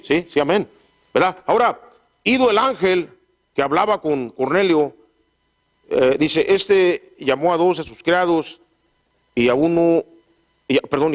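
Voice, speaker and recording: A man preaching a sermon who keeps asking his congregation for agreement and stumbles and repeats words as he reads scripture aloud. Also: on the high side. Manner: call-and-response, frequent "¿verdad?"; halting, repeats words while reading scripture. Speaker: pastor.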